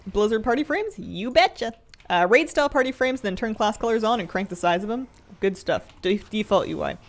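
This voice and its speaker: A woman's voice: on the high side, expressive, fairly quick. A woman livestreaming a game, chatting casually and playfully with viewers and musing aloud as she plays. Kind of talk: casual livestream chat with viewers while gaming.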